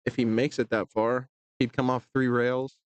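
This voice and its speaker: A man calls a pool match in a loose, joking way, full of casual fillers. His voice sits at an ordinary middle pitch. The sound is close and dry, with no room echo. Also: level tone, moderate pace, smooth. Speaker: pool commentator. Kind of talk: casual live commentary.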